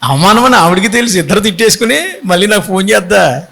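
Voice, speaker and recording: A man's voice: sits high, expressive, fast, creaky, sharp tone, poor audio. A middle-aged man, a bishop, preaching a sermon emphatically and firing rhetorical questions at his congregation. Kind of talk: Telugu sermon.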